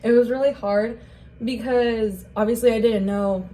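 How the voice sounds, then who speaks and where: A fairly high but dark-toned voice belongs to a young woman from Rockford, Illinois, USA, who unhurriedly recalls her life in an interview. Her intonation stays fairly even, and she hesitates often, filling pauses with "like" and "um" in a casual way. Slight background noise and low recording quality come through.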